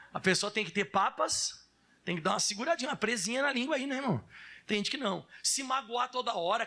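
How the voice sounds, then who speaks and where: A man in his thirties preaching as a pastor in church, lively and animated, acting out children's whiny voices. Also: extremely high pitch. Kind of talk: sermon.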